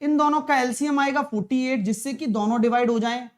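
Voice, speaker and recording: A male math teacher talking a live online exam-prep class through problems, brisk and coaxing, calling viewers brother and dear. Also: extremely high pitch. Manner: brisk, coaxing, chatty, mixes English terms, calls viewers brother and dear.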